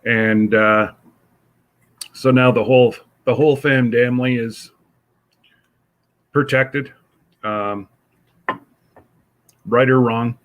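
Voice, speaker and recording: Middle-aged male host, congested, drawling and rambling, medium pitch; casual chat to viewers. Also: fairly bright tone. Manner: slow, rambling, with many fillers. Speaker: livestream host. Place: home.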